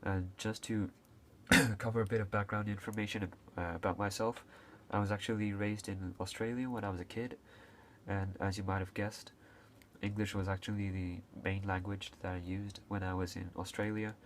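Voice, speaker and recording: A young Hong Kong video creator with a deep, low voice talks loosely and unscripted to camera at a moderate pace, his tone level and fairly bright. He hesitates, restarts often, drops "uh" between phrases and coughs now and then. A faint hiss runs underneath.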